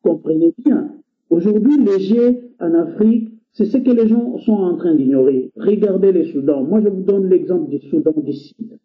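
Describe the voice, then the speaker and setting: With a high-sitting voice, lively intonation and a moderate pace, a guest speaker from the DR Congo addresses a call-in show. French isn't his first language; that is Lingala or another Congolese language. His impassioned appeals to listeners carry frequent hesitations, and the internet call sounds tinny, like a phone.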